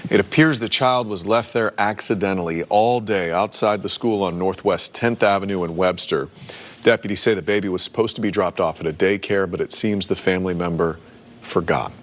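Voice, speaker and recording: A man's voice: low voice, normal speed. A man anchoring a local evening newscast, reading scripted news.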